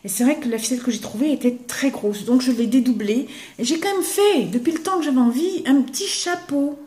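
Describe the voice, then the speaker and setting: An older woman rambles happily through her craft gifts, her voice a little high and soft-edged. She often sinks into a hushed whisper as she admires something. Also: fairly quick. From eastern France. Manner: chatty, warm, drops to a whisper when admiring things. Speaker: craft vlogger. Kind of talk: casual chat showing gifts to camera.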